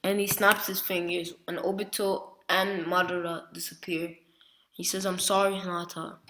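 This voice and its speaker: A woman's voice: fairly low pitch, little pitch movement, measured pace, a bit bright, a little hiss or hum. A woman casually retelling a fan-made story, rambling with lots of fillers and self-corrections. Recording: roomy echo.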